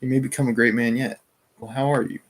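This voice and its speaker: A suave, scheming nobleman presses his case in a steady, mid-pitched tone, read by a man in his ordinary voice. He sounds smooth but insistent, pleading with growing urgency. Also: fast talker, close to an everyday voice.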